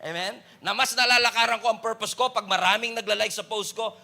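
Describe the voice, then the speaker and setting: A male pastor with a Filipino accent, preaching a sermon in a mix of Tagalog and English that swings between loud exclaiming and low, quiet lines. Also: steady tone, quick pace, creaky.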